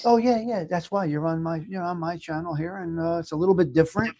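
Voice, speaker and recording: A livestream host with a New York accent talks fast and emphatically in a dark-toned voice on the high side. He reads viewer comments aloud in a casual live chat, often repeating himself and restarting.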